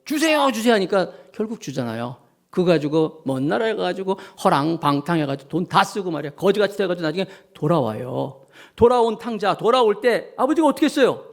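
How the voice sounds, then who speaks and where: A man preaching a Sunday sermon as the pastor of his church, animated, acting out the voices of the people in his stories. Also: sits high, fairly quick, creaky.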